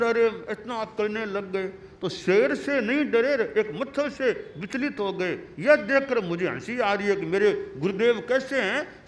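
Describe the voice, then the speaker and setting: A man's voice: high-pitched, pitched above the performer's own voice. A man voicing a young male disciple in a sermon story, calling out urgently and repeating himself. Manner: urgent pleading, repetitive calls. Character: young male disciple, anxious then amused. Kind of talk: acted quote within a sermon story.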